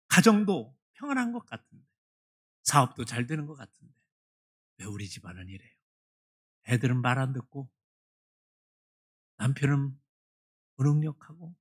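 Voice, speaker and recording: A man's voice: on the high side, slightly rough, heavily acted. A man putting on a tearful, pleading church deaconess. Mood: complaining. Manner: plaintive, pleading outbursts. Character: distressed middle-aged woman deaconess, complaining, tearful.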